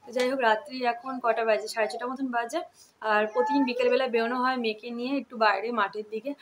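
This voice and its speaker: Fast-talking Bengali woman with Medinipur tone. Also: fairly high pitch, fairly even intonation, noisy background. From Kolkata, West Bengal. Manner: rapid, run-on talk with many fillers. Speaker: vlogger. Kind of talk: casual home vlog chat. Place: home, indoors.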